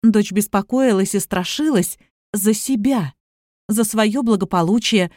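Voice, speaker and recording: A woman narrating an audiobook with a steady, even reading. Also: mid-range voice, a little slow, dry recording, studio quality. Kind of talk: scripted narration.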